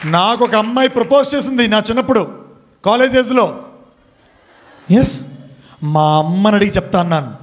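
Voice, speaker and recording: A man giving a motivational speech to students in a college hall. He calls out questions to the crowd and swings from loud to hushed. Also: high-pitched, lively intonation, normal speed, long pauses. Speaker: motivational speaker. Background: student audience.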